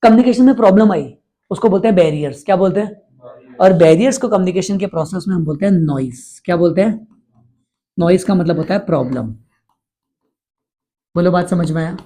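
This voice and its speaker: Mellow-voiced male teacher quizzing his class. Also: high voice, brisk, pauses often. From India. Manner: keeps quizzing and repeating answers. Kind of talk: exam-prep lecture with call-and-response.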